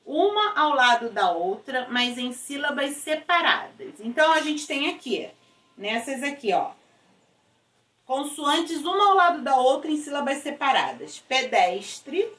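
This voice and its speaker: A patient woman teacher talks slowly and clearly, spelling out letters and syllables one by one. Her voice sits a little high. It sounds like a classroom recording, echoey and picked up from a distance. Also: fairly bright tone. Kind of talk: recorded school lesson. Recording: echoey room, voice away from mic.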